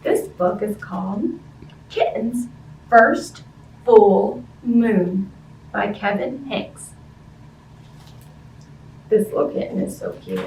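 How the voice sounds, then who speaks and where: Her mid-range, darkish voice is very animated but slow and creaky, with long pauses, as she reads a picture book expressively to young children and chats with them using simple questions. The story-time recording sounds roomy and distant, with faint background noise.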